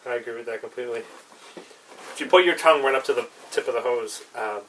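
A man's voice: mid-range voice, fast, fairly bright tone. A young man chatting casually in an unscripted review, laid-back and a bit hesitant, trailing off. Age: young adult. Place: small cluttered indoor room with brick wall. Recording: distant mic, clear background noise.

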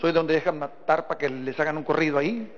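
This fast-talking man has a fairly high voice and the accent of Sinaloa, northern Mexico. As a motivational business seminar speaker, he tells stories and asks his listeners rhetorical questions in a folksy talk before a live audience. The recording, made in a large seminar hall, is dull and full of echo.

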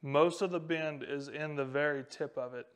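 A man's voice: fairly high pitch, fairly even intonation, normal speed, clean tone. A man, hosting a fishing channel and explaining gear casually to the camera in a small indoor room on a lapel mic. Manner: casual, talks straight to camera while handling rods. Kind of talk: instructional explainer. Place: small indoor room with a whiteboard and a tackle wall.

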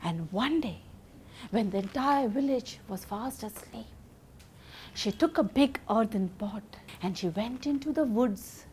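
Woman storyteller, high voice, slow dramatic pacing, expressive, theatrical folktale narration. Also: slight background noise. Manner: theatrical, expressive, uses sound effects. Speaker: children's storyteller. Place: medium-sized indoor room with seated children.

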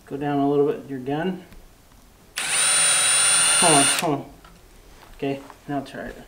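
Brief: middle-aged farmer, patient and gentle coaching tone, recorded in a noisy barn by a camera mic. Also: male voice, medium pitch, steady tone, slow. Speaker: farmer teaching a boy carpentry. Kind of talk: patient step-by-step instruction. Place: large metal barn, indoors. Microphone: camera mic, varying distance. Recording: noisy barn, drill sounds.

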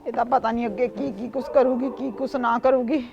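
An actress playing a nagging stepmother in a village comedy sketch, shrill and complaining. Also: steady tone, a little fast, vocal fry, muffled recording. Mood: scolding. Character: nagging middle-aged stepmother who later repents. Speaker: actress in a short comedy film.

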